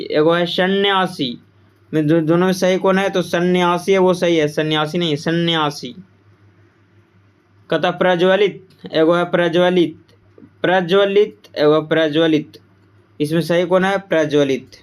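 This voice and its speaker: A male teacher runs through exam-prep grammar points, asking a question and then repeating the answer back. His voice is smooth and resonant and sits a little high for a man. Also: steady tone, a little slow. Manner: repeats answers with quiz-style questions to the class.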